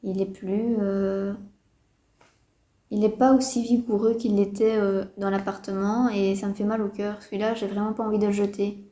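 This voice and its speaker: A woman's voice: mid-range voice, flat delivery, moderate pace, dark tone. A woman casually chatting to camera as a houseplant vlogger, hesitant, with many fillers and a mildly disappointed tone, indoors at home. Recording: roomy echo.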